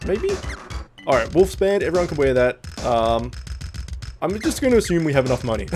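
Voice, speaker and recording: A man's voice: a little high, sing-song, a little fast, a little mellow. A man doing casual, joking, sweary commentary as he plays a video game. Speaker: let's play host. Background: video game music.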